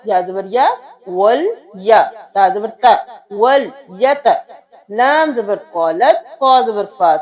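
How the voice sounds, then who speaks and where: A woman teaching Quran recitation, spelling out letters and vowel marks, then reciting them slowly in a chanting melody. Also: a little high. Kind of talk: tajweed lesson with recited verses.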